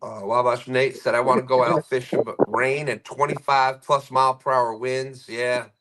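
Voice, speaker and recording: A man's voice: medium pitch, level tone, normal speed, heavy background noise. A man hosting a live fishing stream, casually greeting viewers and reading their comments aloud with frequent chuckles.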